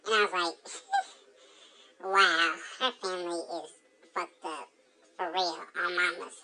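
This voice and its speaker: A woman's voice: fairly low pitch, pushed and bright. A woman voicing a foul-mouthed drunk chipmunk in a comedic monologue, brash and heavy on slang and swearing.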